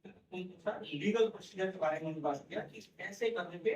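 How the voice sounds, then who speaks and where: A male teacher gives a classroom lecture, explaining things step by step and checking in with his students, often saying "theek hai" and "hai na." His voice sits high and he speaks at a normal pace. With no microphone and the recorder far away, the sound is echoey and distant.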